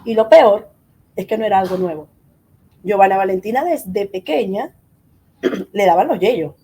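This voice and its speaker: A middle-aged woman, a guest in an interview telling a personal story with lively acted-out dialogue. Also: medium pitch, moderate pace, slight background noise. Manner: animated, acts out quoted dialogue.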